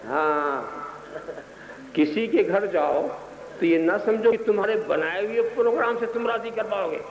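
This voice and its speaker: A man preaching a sermon, telling humorous anecdotes and building to impassioned, shouted exhortations. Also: high voice, roomy sound, noisy background. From Gujarat, India. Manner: storytelling, rising to impassioned shouts.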